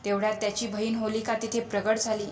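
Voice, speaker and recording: A woman storyteller narrating a scripted story in a dramatic, clear way. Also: medium pitch, little pitch movement, fast, darkish tone. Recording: echoey, long reverb.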